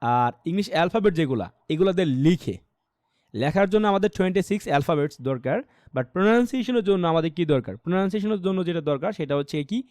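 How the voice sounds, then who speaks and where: A man's voice: high-pitched, animated, quick pace, a little mellow, no echo, studio quality. A man with a Bangladeshi accent giving an online English pronunciation class, explaining in two languages, repeating himself and asking students questions. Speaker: English teacher.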